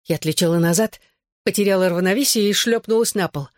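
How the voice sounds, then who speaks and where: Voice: medium pitch, fast, no echo. Audiobook narrator, first-person novel, tense delivery, dry close mic.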